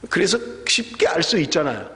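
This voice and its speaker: A male pastor preaching a sermon in a church sanctuary, animated and full of rhetorical questions to the congregation. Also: a little high, a little fast. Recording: long church hall reverb.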